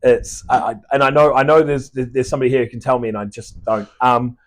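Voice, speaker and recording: A man's voice: medium pitch, fast talker. A man in his thirties from Australia with a mixed Australian and New Zealand accent, chatting as a podcast guest and rambling with restarts and swearing. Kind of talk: casual chat.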